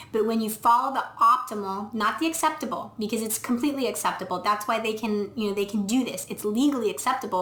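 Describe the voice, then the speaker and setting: A woman veterinarian with a pushed, bright, mid-range voice reviews dog food on camera in a casual way. Filming herself in an indoor room, she thinks aloud and explains each step, with frequent ums. Her camera mic records an echoey space.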